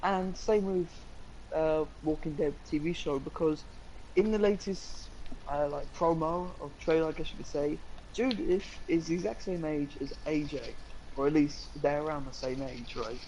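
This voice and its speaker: A man's voice: fairly high pitch, moderate pace, darkish tone, slight background noise, low-quality recording. A young man, co-hosting a casual live-stream chat, rambling eagerly with lots of fillers. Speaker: co-host.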